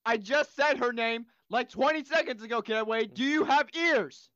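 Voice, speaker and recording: A woman's voice: a little high, normal speed, a bit bright, dry recording, highs cut off, lightly acted. A woman playing a stern, exasperated training officer who scolds her cadets sarcastically. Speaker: officer in a comedy skit.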